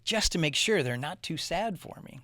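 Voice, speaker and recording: A shy, soft-hearted hedgehog who speaks gently, as a man reads him out. The voice is close to the reader's own and moves lively up and down. It sounds close and dry. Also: on the high side, normal speed, no echo.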